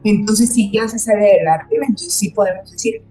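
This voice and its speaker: A woman's voice: medium pitch, moderate pace, warm tone, faint music behind, low-quality recording. A woman host in casual conversation, attentive, answering with short affirmations and explanations.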